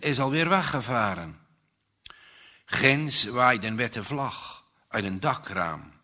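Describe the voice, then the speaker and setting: A male storyteller who reads slowly and takes his time over each phrase. His voice is bright and a little tense, and his pitch rises and falls a lot as he builds the drama of the tale. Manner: expressive, swells loudly at tense moments.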